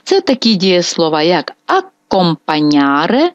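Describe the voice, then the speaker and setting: A woman teaching a video grammar lesson, slowly and carefully drilling verb forms one by one. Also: lowish voice, huge pitch swings, highs cut off. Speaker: Italian language teacher.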